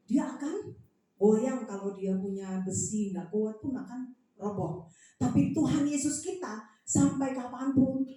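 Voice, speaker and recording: A woman preaches a lively sermon, her voice sitting a little high as she moves between loud bursts and quieter asides. She sounds a bit distant from the mic, and the sound rings through a very echoey church hall. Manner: lively, animated storytelling with swings in loudness.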